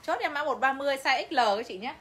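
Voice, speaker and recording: A woman's voice: sits high, lively intonation, quick pace, fairly bright tone, slight background noise. A woman selling clothes on a livestream, chatty and talking straight to her viewers. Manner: chatty, addresses viewers directly, laughs often. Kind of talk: live sales pitch.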